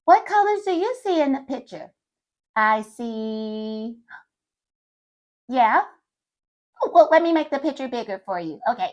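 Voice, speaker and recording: A woman reading a picture book aloud to young children in an animated way, stopping to talk to her listeners. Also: fairly high pitch, unhurried, long pauses, dull audio. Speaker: children's storyteller.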